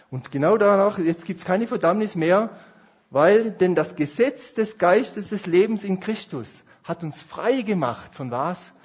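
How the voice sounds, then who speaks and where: A man preaching a sermon as pastor, passionate, swinging between hushed and emphatic delivery. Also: high voice, husky, dull audio.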